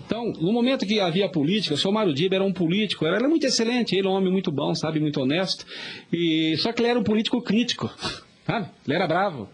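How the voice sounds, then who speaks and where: Brazilian guest, middle-aged man, folksy and chatty, rapid delivery. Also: high voice, lively intonation. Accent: Brazilian Portuguese. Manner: chatty and folksy, preachy asides, frequent filler tags. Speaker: interview guest, vice mayor and pharmacist. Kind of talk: casual interview talk.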